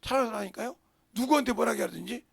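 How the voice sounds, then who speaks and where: An older man preaching a sermon as pastor, forceful and blunt, jumping between loud outbursts and low murmurs. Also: lively intonation, fairly quick, gravelly, slightly rough. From South Korea. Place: church sanctuary.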